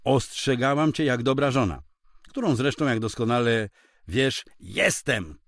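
A man voicing a sharp-tongued, defiant wife who answers with tart indignation. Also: medium pitch, measured pace, no room sound, pitched above the performer's own voice.

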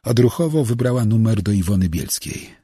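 A man reading a novel aloud as narrator, telling the story in a measured way and giving voice to each character. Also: lowish voice, expressive, mellow, husky, no echo, clean studio sound. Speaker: audiobook narrator. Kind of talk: scripted narration.

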